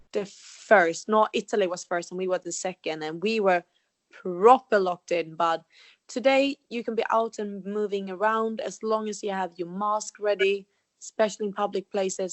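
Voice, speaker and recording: A woman's voice: mid-range voice, dry recording. A young woman in her twenties with a Swedish accent, co-hosting a casual podcast as a holistic health coach, friendly and easygoing. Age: 20s. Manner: friendly, easygoing, laughs often. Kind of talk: casual chat.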